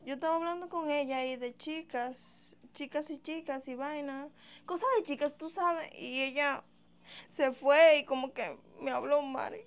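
A woman's voice: sits high, unhurried. A woman playing a scheming pregnant wife who sweet-talks her husband and flirts with his sister. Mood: complaining. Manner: sweet-talking, manipulative. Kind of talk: amateur web drama acting.

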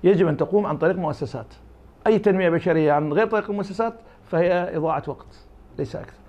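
A man's voice: high-pitched, racing, a little mellow, highs cut off. A man from Iraq with an Iraqi Arabic accent, giving interview answers as an academic guest, arguing his point through imagined back-and-forth dialogues. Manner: argumentative, uses imagined dialogues.

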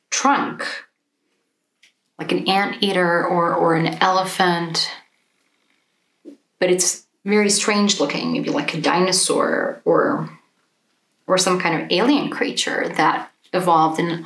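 A woman's voice: on the low side, a bit bright. A woman teaching a drawing workshop, thinking aloud casually with many fillers as she works. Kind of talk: casual live demonstration. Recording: echoey room.

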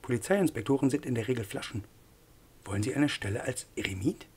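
A man voicing an excitable, eccentric adult man in an audiobook, pitching up into a sing-song, teasing voice. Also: fairly quick, slightly rough. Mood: reassuring. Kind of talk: audiobook character voice.

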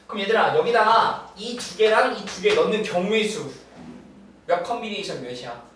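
A woman's voice: medium pitch, lively intonation, normal speed. A young woman tutoring math one-on-one, walking a student through each step and checking in with frequent tag questions. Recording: roomy distant mic with faint noise.

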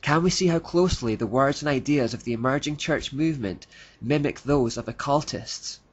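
Man, scripted narration, critical, reads quotes, medium pitch, slightly dull recording. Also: moderate pace, husky.

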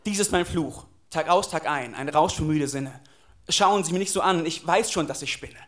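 High-voiced man performing rhymed slam poetry. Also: normal speed, fairly bright tone. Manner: dramatic, rhythmic delivery. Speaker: slam poet. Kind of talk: rhymed spoken-word performance. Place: live stage at a poetry slam.

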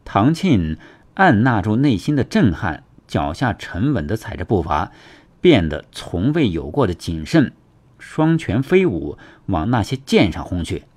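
A man narrating a web novel audiobook with dramatic, expressive storytelling. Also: on the low side, unhurried.

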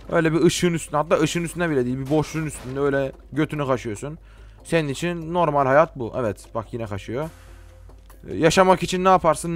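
A teenage man from Turkey giving casual, joking gameplay commentary, talking to game characters and swinging from quiet mutters to sudden shouts. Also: fairly high pitch. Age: late teens. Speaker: gaming YouTuber.

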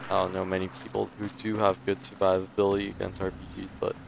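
A man's voice: sits low, monotone, fast talker, creaky, slight background noise. A man giving casual, matter-of-fact video game walkthrough commentary in a laid-back way. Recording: loud game gunfire and explosions behind. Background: video game gunfire.

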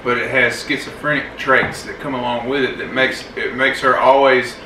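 A man's voice: medium pitch, level tone, normal speed. A man co-hosting a casual vlog chat, plainly explaining things to viewers. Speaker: co-host. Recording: roomy echo, distant mic, faint background noise.

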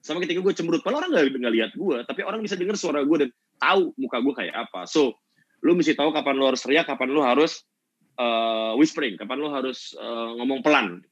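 A fast, fired-up man gives a casual workshop talk over a video call. His delivery swings from loud to quiet, and the call audio sounds dull and lo-fi. The sound is dry, with no room echo. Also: mid-range voice, husky. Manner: fiery, energetic, switches between loud and soft. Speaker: workshop speaker.

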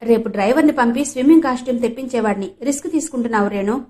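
A fussy, squeamish young city man who scolds in a raised, high voice, as a woman narrator puts him on. He sounds prim and easily disgusted in this storybook audiobook. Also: very fast, dark tone, soft background music, close to an everyday voice. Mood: scolding.

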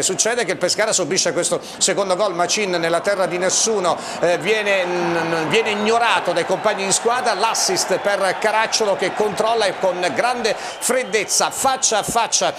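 High-voiced male sports host over noise. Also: normal speed, hardly any pauses. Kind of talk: live match-highlights commentary and hosting. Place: TV studio. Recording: clear background noise behind voice.

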